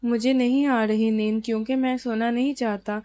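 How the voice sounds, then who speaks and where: A woman's voice: on the high side, steady tone, mellow, no echo, lightly acted. A woman reading as a tender husband who reassures his wife.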